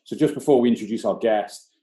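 Male podcast host, relaxed dark tone, halting conversational questions, echoey room. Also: medium pitch. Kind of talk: casual interview chat.

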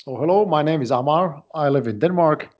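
Halting Iraqi-born man on a dull line. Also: on the high side. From Iraq. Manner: halting, repeats words while searching for them. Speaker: podcast guest. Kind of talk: casual interview talk. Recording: dull lo-fi audio.

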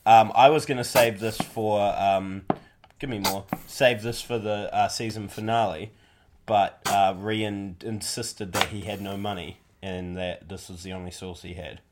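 A man's voice: fairly low pitch, fairly even intonation, measured pace, heavy background noise. A young man, co-hosting a casual podcast with teasing, sweary banter. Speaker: podcast co-host.

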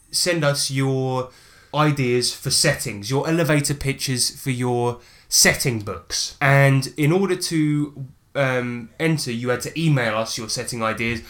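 A man co-hosting a podcast in casual chat, jokey and quick to laugh and swear. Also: mid-range voice, fairly bright tone. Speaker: podcast co-host.

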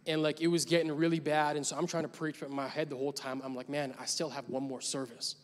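Speaking fast in a level, high-leaning voice, a young man preaches as pastor in a large church hall. He tells a story in a casual way that builds to emphatic points, and the recording has long hall reverb.

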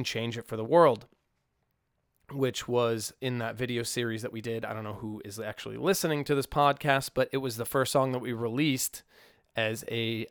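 A man's voice: medium pitch, creaky, a bit bright, clean tone, dry recording, clean studio sound. A man hosting a casual podcast, talking reflectively and rambling with restarts, with a song playing faintly underneath. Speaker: podcast host. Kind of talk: casual solo podcast talk. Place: home studio in Nashville. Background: faint song playing under the talk.

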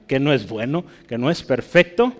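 A man's voice: medium pitch, lively intonation, normal speed. A man teaching a Bible lesson as a preacher, often checking with his listeners as he explains. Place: church. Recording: church hall with long reverb.

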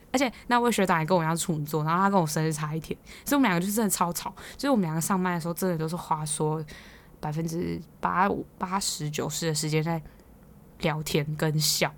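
A young woman with a Taiwanese Mandarin accent, hosting a podcast and telling stories in a chatty, teasing way, quick to laugh. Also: on the low side. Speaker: podcast host. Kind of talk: casual storytelling monologue.

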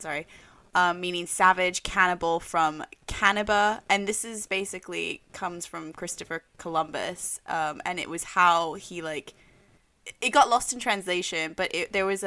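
A woman co-hosting a casual podcast, talking things through in a rambling way with lots of fillers. Her voice is bright and a little low, and the recording is close and dry. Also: no room sound. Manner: rambling, many fillers and restarts. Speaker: podcast co-host. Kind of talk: casual chat.

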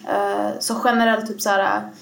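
A woman with a mid-range voice co-hosts a casual podcast. She picks her words slowly, hedging and filling pauses as she thinks aloud. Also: mid-range voice, flat delivery, creaky, a little hiss or hum. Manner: hesitant, lots of fillers and hedging. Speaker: podcast co-host.

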